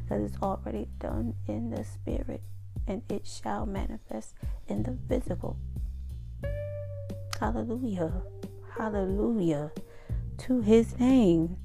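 A woman's voice: mid-range voice, gravelly, dark tone. A woman giving informal devotional encouragement, emphatic and repetitive, speaking with braces in her mouth that make her articulation slightly stumbling. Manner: emphatic, repeats phrases for emphasis. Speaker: faith vlogger giving encouragement.

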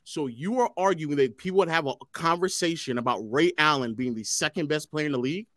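A man's voice: on the high side, a little fast, a bit bright. A man on a debate panel, combative, cutting in and pressing the same question again and again. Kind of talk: heated debate.

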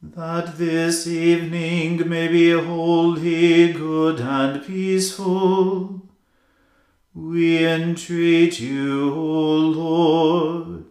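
A church choir singing an evening liturgy in slow, even chant, with a cathedral echo. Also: medium pitch. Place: large stone cathedral. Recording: roomy cathedral echo, faint music.

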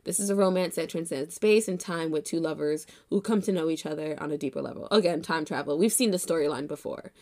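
A woman's voice: sits low, fast, few pauses. A woman co-hosting a casual chat, reviewing dramas with frequent laughter and an occasional cough. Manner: laughs often, animated storytelling. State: coughing now and then.

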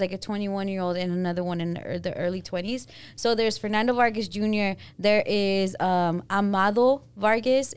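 A woman's voice: medium pitch, clean tone, dry recording. Casual woman podcast host. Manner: relaxed, swearing, laughing often. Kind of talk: casual chat.

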